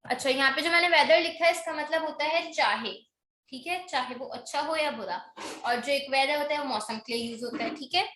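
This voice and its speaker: A woman teaching an English grammar lesson online, explaining in Hindi mixed with English, reading definitions slowly and often checking in with "okay?". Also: high voice, bright, forceful tone, roomy sound.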